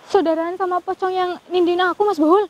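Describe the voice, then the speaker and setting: Hosting a live ghost-hunting vlog, a woman speaks in an extremely high, steady voice, a little fast and a little mellow. She sounds fearful and keeps murmuring prayers aloud. The recording is muffled.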